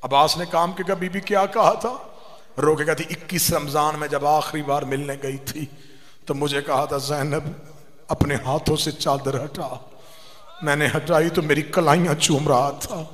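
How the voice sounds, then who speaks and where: A man's voice: a little high, fairly even intonation, measured pace, a bit bright. A man reciting a devotional story as a zakir, in an impassioned, sing-song storytelling manner. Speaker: zakir reciting at a religious gathering. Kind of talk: devotional majlis narration with quoted dialogue. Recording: long hall reverb.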